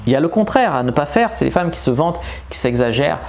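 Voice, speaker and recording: A man coaching viewers on dating in a loose, chatty way. His talk is blunt and full of slang, and he states his opinions flatly as he talks straight to the camera. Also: fairly high pitch, quick pace, gravelly, a little hiss or hum. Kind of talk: casual advice video to camera.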